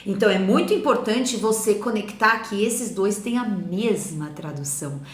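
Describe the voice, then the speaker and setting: A Brazilian woman with a Brazilian Portuguese accent, an English teacher giving an animated, emphatic lesson and slowing down to model English phrases. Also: medium pitch, roomy sound. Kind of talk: lively classroom explanation.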